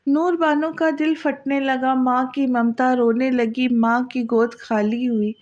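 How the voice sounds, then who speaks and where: A woman's voice: sits high, steady tone, darkish tone, lo-fi sound. A woman narrating an Urdu novel as an audiobook in an emotional, dramatic way. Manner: emotional, voices the characters' cries.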